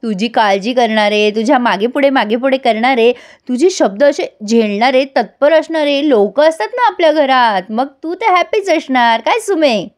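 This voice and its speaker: A calm, thoughtful young husband who talks things through gently, as a woman narrator reads him. The voice stays fairly high and even. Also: moderate pace, few pauses. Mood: earnest. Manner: gentle, reasoning.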